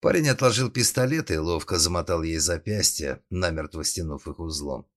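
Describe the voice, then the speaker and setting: A man reading a thriller audiobook as narrator, in a steady dramatic tone. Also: sits low, normal speed. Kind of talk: scripted narration.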